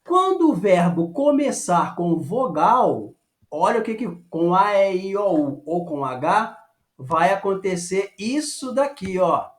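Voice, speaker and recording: A man teaching a French lesson, patiently checking with "ok?" and slowing down to model phrases. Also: high voice, big pitch swings. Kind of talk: online language lesson. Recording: echoey room.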